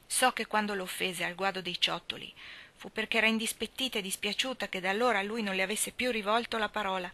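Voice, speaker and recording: A woman reading the lines of an earnest, resolute young country girl in a steady delivery. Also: medium pitch.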